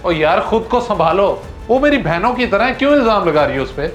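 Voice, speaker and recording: An actor playing a kind husband who calms and defends the maid in a gentle, protesting way. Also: male voice, high-pitched, brisk, highs cut off. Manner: calming, protesting. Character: kind, fair-minded husband of the employer. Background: soft background music.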